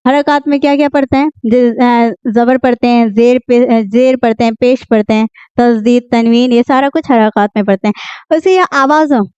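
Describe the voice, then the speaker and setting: High-pitched woman teaching slowly, lo-fi. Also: steady tone, darkish tone, clear, resonant tone, no room sound. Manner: repeats words slowly, asks and answers own questions. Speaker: Urdu teacher. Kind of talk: beginner language lesson. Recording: dull lo-fi dry sound.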